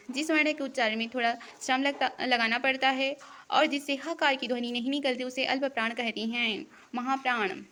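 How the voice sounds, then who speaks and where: A woman teaching an exam-prep lesson, reading each definition aloud in a slow, even teaching cadence. Her voice sits a little high and sounds bright and clear. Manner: reads definitions in a steady, deliberate teaching cadence.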